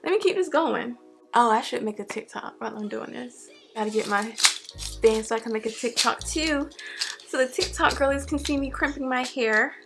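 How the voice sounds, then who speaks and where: Casting: female beauty vlogger, somewhat high voice, lisping slightly around dental aligners, casual and chatty, faint music underneath. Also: fairly even intonation, moderate pace. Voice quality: slight lisp from wearing clear dental aligners. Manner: informal, chatty, talking to viewers as friends. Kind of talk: casual chatty hair tutorial to camera. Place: carpeted bedroom, indoors.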